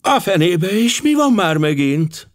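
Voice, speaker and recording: A man reading an audiobook, voicing a sharp-tongued, irritable middle-aged wife who snaps at her husband. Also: very animated. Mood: irritated. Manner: sharp, snapping, shrill. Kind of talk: audiobook character voice.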